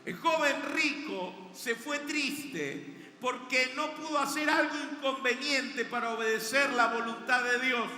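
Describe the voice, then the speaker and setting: A man's voice: very high-pitched, sharp tone. A man with a Rioplatense Spanish accent preaching a sermon as pastor, leading the congregation in call-and-response and building in intensity. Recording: echoey hall with music behind.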